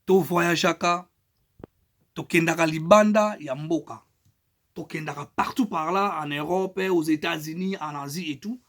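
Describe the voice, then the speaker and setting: Here a middle-aged Congolese man, a political activist, gives an emphatic political statement in French marked by his Congolese accent. His pitch is fairly high and his pace measured, while his loudness keeps rising and falling.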